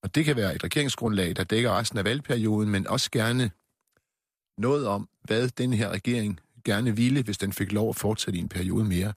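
Low, husky male commentator. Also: no echo, studio quality. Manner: measured, analytical. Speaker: political commentator. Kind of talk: panel discussion.

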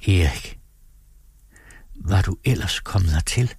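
A man reading aloud, voicing a gentle, knowing young woman who speaks softly and tenderly. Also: deep voice, lively intonation, husky, no echo, full character voice. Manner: soft, tender, quietly certain.

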